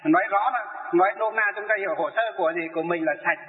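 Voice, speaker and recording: A man's voice: high-pitched, fast talker. A male Buddhist monk giving a sermon, posing questions and answering them himself. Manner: rhetorical questions he answers himself, lively storytelling. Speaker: Buddhist monk teaching lay followers. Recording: echoey hall through a tinny narrow line.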